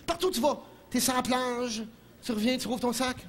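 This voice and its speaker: A man with a Quebec French accent doing an animated stand-up comedy monologue in a television studio, breaking into impressions. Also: very high voice, normal speed, a little hiss or hum. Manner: animated, jumps into shouted impressions, chuckles at own jokes.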